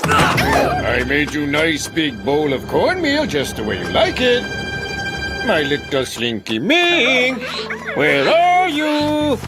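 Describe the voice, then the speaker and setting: A lovesick doting chief. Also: male voice, a little high, huge pitch swings, takes it slowly, loud music behind the voice, full character voice. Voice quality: syrupy, fawning. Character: lovesick doting Native chief, adult man.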